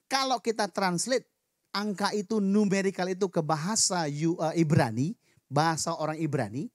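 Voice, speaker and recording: A man preaching a sermon in a church, lively and joking with the congregation. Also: on the high side, no room sound, studio quality. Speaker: pastor. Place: church hall.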